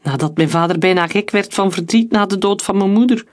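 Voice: mid-range voice, a little fast, voice pushed up, natural voice. A narrator voicing Isabel, a tearful young farm woman, in a storybook reading. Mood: tearful relief. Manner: emotional, tearful.

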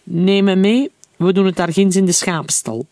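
A man reading aloud, voicing a calm, coldly menacing German officer who leads a patrol. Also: high-pitched, moderate pace, dry recording, clean studio sound, pitched above the performer's own voice. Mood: cold commanding.

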